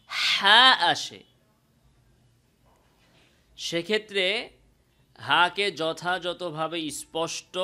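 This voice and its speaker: Bangladeshi male recitation teacher, high bright voice, unhurried, drawn-out sung examples. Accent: Bangladeshi Bengali. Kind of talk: tajweed pronunciation lesson.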